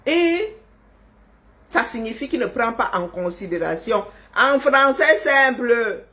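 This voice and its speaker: Speaking slowly in a fairly high, bright, sing-song voice with a forceful edge, a woman on a livestream scolds and mocks directly into her webcam or phone. This online commentator's manner is sarcastic and teasing.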